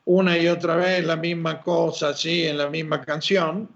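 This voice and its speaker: A fairly high-voiced man explains his ideas with a teacher's energy, posing questions and answering them himself. The recording sounds dull and lo-fi, with the top end muffled. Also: measured pace, creaky. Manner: lively teacherly, asks and answers his own rhetorical questions. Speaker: interview guest. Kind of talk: explanatory interview talk. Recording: muffled lo-fi audio.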